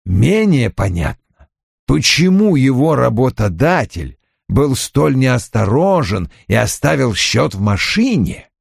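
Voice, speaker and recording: A man voicing a haughty, deliberate older male detective, reading an audiobook in a measured, lecturing manner. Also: mid-range voice, sing-song, vocal fry, breathy edge, dry recording, studio quality, exaggerated voice.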